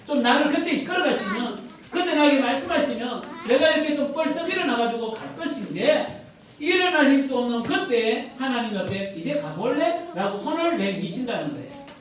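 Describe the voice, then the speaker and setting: A man's voice: extremely high pitch, lively intonation, fairly quick, a crowd in the background. A male pastor preaching a sermon in a chatty way, often asking the congregation rhetorical questions. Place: church sanctuary. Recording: very echoey hall, voice from a distant mic.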